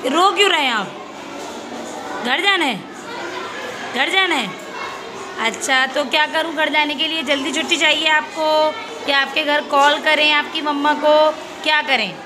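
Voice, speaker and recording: Chatty high-voiced woman teacher vlogging. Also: measured pace, long pauses. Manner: chatty, coaxing questions to a child. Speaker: schoolteacher and vlogger. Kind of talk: casual vlog chat. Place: school grounds and corridors. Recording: loud crowd and ambient noise. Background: children playing and chatter.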